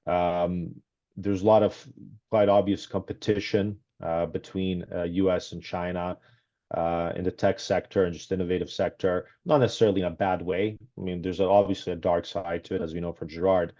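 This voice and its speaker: Born in Serbia and raised in Canada, this author joins a video call interview as a guest, using a headset in a small room at home. His low, mellow voice keeps a level tone as he talks casually but hesitantly, with many ums, pauses and restarts. The audio is dull and lo-fi.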